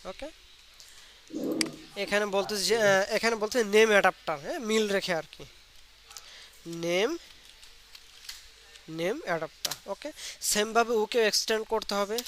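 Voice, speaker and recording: A man's voice: high voice, moderate pace, long pauses, a bit bright. A man teaching a live online programming class, explaining step by step and quizzing his students with questions. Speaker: programming instructor. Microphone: computer mic on a video call. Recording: faint background noise.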